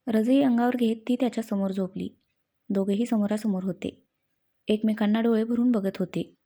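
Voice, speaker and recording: A woman storyteller reads a scripted romance with a gentle, even delivery. Her voice is mellow and warm. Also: fairly high pitch, moderate pace.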